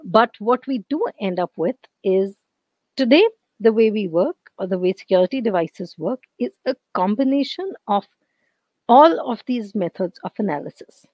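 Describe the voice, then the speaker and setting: A woman lecturer with an Indian English accent teaching over a video call, her voice going hoarse and her throat often cleared. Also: medium pitch, lively intonation, moderate pace, no room sound, muffled recording. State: losing her voice. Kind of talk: online lecture.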